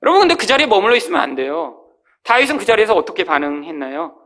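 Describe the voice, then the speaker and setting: A male pastor preaching a sermon with emphatic, rising exclamations that drop away quietly at the end of phrases, often calling out to the congregation. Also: sing-song, very fast. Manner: swells to high exclamations, then drops low and quiet at phrase ends.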